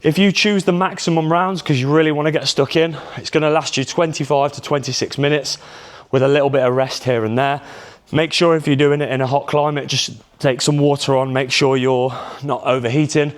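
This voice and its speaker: A man's voice: on the high side, steady tone, a little fast. A man coaching a workout, a little out of breath, upbeat and counting reps. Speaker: fitness coach. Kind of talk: workout instruction. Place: outdoors in a hot holiday spot.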